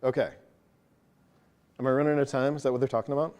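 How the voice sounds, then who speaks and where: Fast, casual man giving a tech talk. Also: mid-range voice, little pitch movement, a little mellow, clean tone. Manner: fast, casual, self-deprecating. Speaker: meetup presenter. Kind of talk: live technical talk with audience questions. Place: meeting room with an audience.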